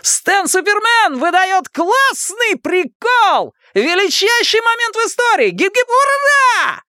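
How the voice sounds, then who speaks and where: A man reading aloud and voicing a loud, wisecracking boy who clowns and mocks his friends in a shrill, theatrical voice. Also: big pitch swings, slow, dry recording, clean studio sound, heavily acted. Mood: exultant.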